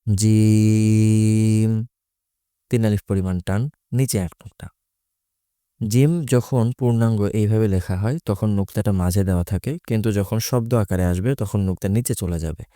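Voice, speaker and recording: A man's voice: on the low side, fairly quick, dark tone, dry recording, studio quality. A man teaching Quran recitation, explaining Arabic letters patiently and methodically, repeating each letter's sound.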